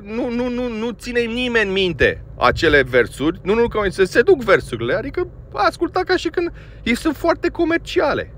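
Man, from Romania, slightly high voice, blunt, scolding, lots of filler words, opinion monologue. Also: a bit bright, slight background noise. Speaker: music commentator.

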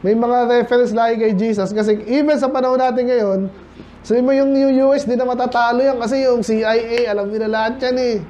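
A Filipino man preaching a midweek Bible study in a church, talking to the congregation in a chatty, questioning way. His voice sits very high yet sounds dark and mellow. The recording is dull and lo-fi, with faint noise behind him. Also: steady tone, fairly quick. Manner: conversational, mixes English into Tagalog, asks the congregation questions. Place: church hall.

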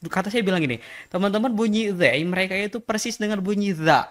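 A man's voice: high voice, fast, crowd noise. A man, a guest English teacher chatting casually on a podcast, laughing often and demonstrating pronunciations.

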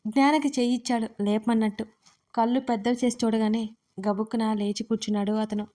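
A woman narrates her own romantic audio story with a fairly high voice. Her delivery is lively and expressive. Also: a little fast. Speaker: writer and narrator.

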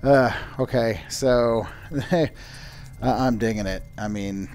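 A man's voice: mid-range voice, slow. A man hosting a VR gaming channel with casual, playful, effusive, chatty commentary.

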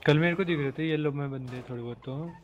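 A man's voice: fairly high pitch, fast, highs cut off, slight background noise. A man streaming a game role-play, chatting in a laid-back, slangy way with his crew.

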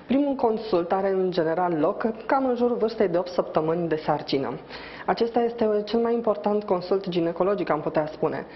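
Appearing on TV from a hospital lobby, a middle-aged woman obstetrician speaks in a lowish voice, calm and measured but often hesitating with fillers. Her lapel mic yields somewhat noisy, muffled broadcast sound.

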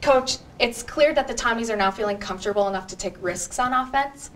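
Seated at a desk on a small TV studio set, a young adult woman hosts a student sports show, reading a scripted intro and questions upbeat into a lapel mic. Her voice is fairly high and fairly quick, with slight background noise.

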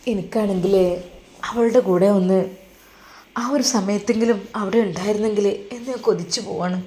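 A woman voicing an older mother who speaks softly and pleads near tears, longing for her daughter. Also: medium pitch, fairly even intonation, a little fast, lightly acted. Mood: tearful pleading.

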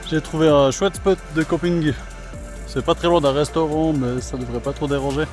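Soft background music plays as a man with a voice on the high side speaks at a moderate pace, vlogging his solo kayak trip by a river. Chatting casually to the camera outdoors, he thinks aloud, swears now and then, and uses lots of fillers in a relaxed way.

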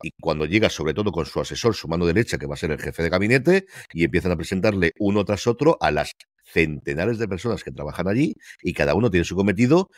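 Expressive and fast-talking with a low-set voice, a man from Spain co-hosts a casual TV series review over video from his home room. He's emphatic, shooting off one rhetorical question after another. His headset and desk mic give a dry, studio-quality recording.

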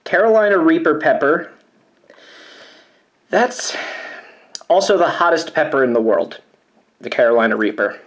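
A man's voice: fairly high pitch, measured pace, pauses often. Man, nervous, sighing, reading labels aloud, wry asides, casual vlog. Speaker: YouTuber doing a food challenge.

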